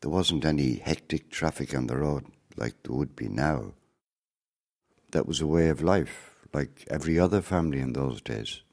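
An older Irish man, a former circus performer, telling family memories in an unhurried storytelling way. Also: very deep voice, creaky, a little mellow. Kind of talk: reminiscing interview narration.

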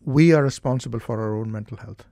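Indian-accented man with a gravelly voice. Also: mid-range voice, mellow, no room sound, studio quality. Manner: measured, explanatory, with hesitations. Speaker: doctor and therapist. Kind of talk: studio interview.

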